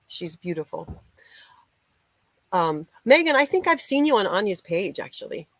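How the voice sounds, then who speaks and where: An American woman musician hosts a casual livestream in a medium-pitched, sing-song voice at normal speed, recorded dry. She chats away, reading viewers' comments and greeting them by name.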